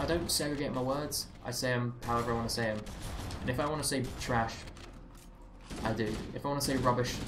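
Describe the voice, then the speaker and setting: A game streamer from England, with a Southeast English accent slightly Americanized, gives chatty, rambling live commentary as he plays, adding wry self-mocking asides. His voice is mid-range, with background noise, roomy echo, and game music playing behind him.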